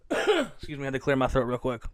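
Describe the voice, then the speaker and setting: A man's voice: mid-range voice, wildly swooping pitch, normal speed, no echo. A man hosting a casual solo commentary podcast, rambling, cursing and correcting himself as he goes. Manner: rambling, self-correcting and profane. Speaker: podcast host.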